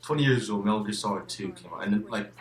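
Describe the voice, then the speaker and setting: A man's voice: lowish voice, rapid-fire, echoey room. A man who is a guest in a casual game discussion, repeating words as he restarts and swearing emphatically.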